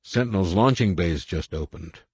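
A man's voice: sits low, expressive, normal speed, darkish tone, slightly rough, no echo. A man voicing a brash, hot-tempered male pilot. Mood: grim.

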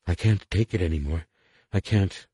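A man voicing an anxious mother caught between fear and composure, speaking in a measured, restrained way. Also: low-pitched, dark tone, husky, dry recording, clean studio sound. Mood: torn. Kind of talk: audiobook character voice.

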